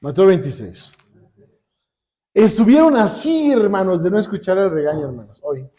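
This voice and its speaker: High-voiced Mexican preacher quizzing his flock. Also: big pitch swings, moderate pace, dark tone. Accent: Mexican Spanish. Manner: calls on the congregation with repeated questions. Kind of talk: sermon.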